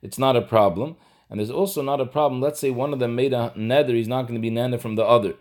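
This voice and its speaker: A man's voice: mid-range voice, fairly even intonation, fast talker, darkish tone. A man giving a halacha lesson, explaining steadily and mixing Hebrew and Yiddish terms into his English. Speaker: Torah teacher.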